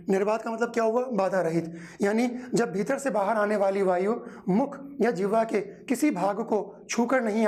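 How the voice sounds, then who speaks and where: A man's voice: high voice, darkish tone. A man teaching a Hindi grammar lesson in an exam-prep lecture. He drills pronunciation by stretching out sounds, repeating his own questions and answers, and calling on viewers as friends to speak along.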